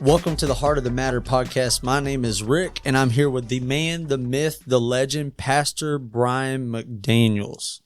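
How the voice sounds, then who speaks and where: Jokey podcast host with a Southern country accent. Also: male voice, medium pitch, fairly even intonation, normal speed, hardly any pauses, faint music behind. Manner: jokey, laughs easily, loose and friendly. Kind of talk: casual podcast interview.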